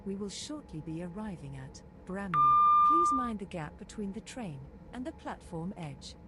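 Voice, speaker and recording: Woman as train announcer for a game: polite, formal, measured, very sing-song intonation. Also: mid-range voice, huge pitch swings, very noisy. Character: polite female railway announcer giving passenger notices.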